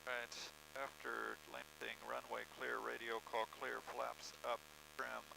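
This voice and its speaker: A man's voice: medium pitch, little pitch movement, takes it slowly, gravelly. A man, a student pilot, talking casually and calling out steps to himself in clipped phrases over an aircraft intercom. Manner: murmurs checklist steps aloud in clipped phrases. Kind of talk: casual chat and self-talk while flying. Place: inside a small aircraft. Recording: humming aircraft cockpit intercom, engine noise.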